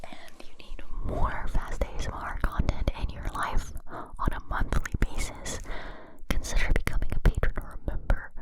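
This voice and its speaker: This is a barely audible ASMR whisper, entirely breathy and unvoiced. The creator speaks right up at the microphone in a cupped manner, addressing listeners directly. Small mouth sounds come through with the words. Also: moderate pace. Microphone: close to the mic, cupped.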